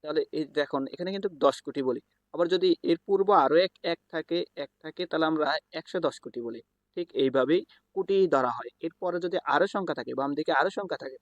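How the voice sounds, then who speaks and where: Halting man teaching a math lesson. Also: a little high, no echo. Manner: halting, with fillers and self-corrections. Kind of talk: explaining a lesson while writing on a board.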